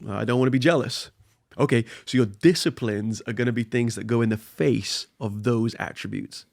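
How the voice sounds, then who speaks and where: Earnest, gravelly-voiced man. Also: medium pitch, normal speed, a little mellow, no room sound, clean studio sound. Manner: earnest, motivational, repeats words while thinking. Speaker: podcast guest, spoken word artist. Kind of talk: casual conversation.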